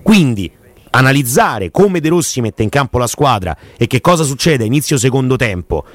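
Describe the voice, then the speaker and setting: A man's voice: medium pitch, sing-song, moderate pace, no echo. A man hosting a casual football chat, analytical and hesitant, with many fillers.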